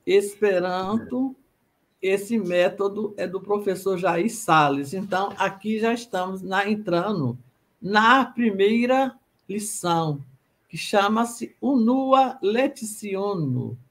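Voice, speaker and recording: A Brazilian woman hosts a radio language lesson at a slow, measured pace. She reads the material aloud and sounds out letters and vowels one at a time, patient and deliberate. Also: medium pitch, animated. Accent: Brazilian Portuguese. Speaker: radio host and language teacher. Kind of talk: reading a pronunciation lesson aloud.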